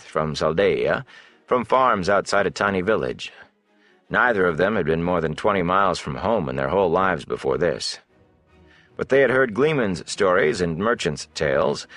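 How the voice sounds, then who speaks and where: A man reads a fantasy audiobook from a script in a very low, gravelly, creaky voice, his intonation lively and varied. There's no echo.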